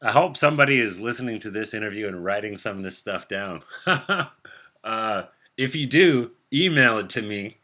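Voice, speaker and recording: A man hosts a podcast from his kitchen, talking in a relaxed, chatty way. His voice sits low but has a bright edge. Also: normal speed. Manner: relaxed, chatty, laughs easily. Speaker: podcast host. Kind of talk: casual interview chat.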